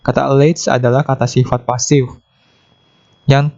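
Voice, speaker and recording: A man's voice: medium pitch, little pitch movement, creaky, darkish tone. Man explaining grammar, lo-fi sound. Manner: explains step by step, slows down to read English options. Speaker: English teacher. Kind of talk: exam-prep lesson explanation.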